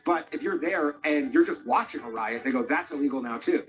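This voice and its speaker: A man's voice: fairly high pitch, fairly quick. A man co-hosting a casual podcast, telling stories animatedly and filling speech with "like.". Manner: animated storytelling, lots of "like". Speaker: podcast co-host. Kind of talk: casual chat.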